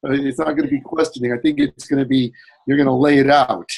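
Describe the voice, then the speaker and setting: A man's voice: mid-range voice, fairly even intonation, fast, gravelly, a little mellow, husky. A man on a group call giving playful, nitpicking feedback on chapter titles. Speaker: workshop participant giving feedback. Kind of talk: casual group video call.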